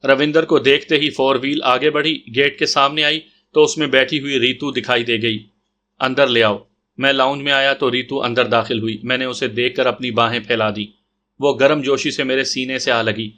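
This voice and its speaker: Bright-voiced male storyteller. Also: mid-range voice. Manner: steady first-person storytelling. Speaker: narrator. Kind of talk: scripted audio story narration.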